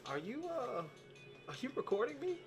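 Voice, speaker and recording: An actor playing a chatty, awkward server and eager fan who rambles and stammers with lots of fillers, in short film dialogue. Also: male voice, very high voice, big pitch swings, normal speed, over music, exaggerated voice.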